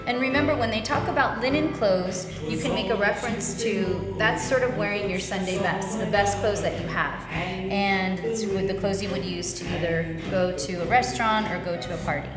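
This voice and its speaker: A woman's voice: mid-range voice, normal speed. A woman giving an instructional demonstration of children's songs, explaining each step aloud as a teacher training other instructors. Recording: echoey hall, loud music behind. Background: loud music.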